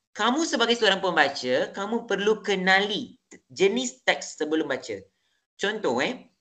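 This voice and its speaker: Bright-voiced Malaysian woman teaching a class. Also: on the low side. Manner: explanatory, asks the class questions. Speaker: teacher in a simulated lesson. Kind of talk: classroom lesson presentation.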